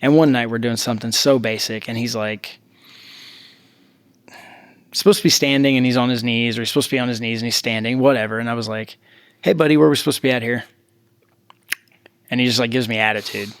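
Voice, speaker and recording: A man hosting a podcast, telling a coaching story in a casual, animated way, laughing often. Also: medium pitch, quick pace, smooth. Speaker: podcast host and jiu-jitsu coach.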